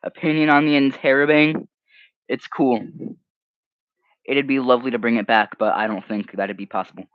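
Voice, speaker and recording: Speaking at normal speed with frequent pauses, this young man has a mid-range voice and Hebrew as his first language. He hosts a casual livestream, reading comments, rambling animatedly and now and then dropping into mumbles. His dry, slightly muffled home mic adds no echo.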